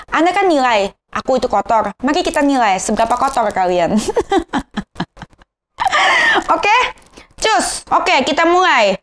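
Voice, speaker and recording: High-voiced Jakarta woman with lisped r's. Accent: Jakarta Indonesian. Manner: rambling, repeats and trips over words. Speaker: vlogger. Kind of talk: casual gossip rant to viewers.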